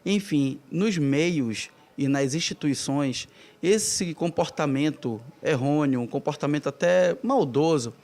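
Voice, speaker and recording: Brief: male activist with an Amazonas Brazilian accent, fairly high voice, earnest and indignant on camera. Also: slow, a little mellow. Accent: Amazonas Brazilian Portuguese. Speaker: activist leader interviewed. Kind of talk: news interview statement.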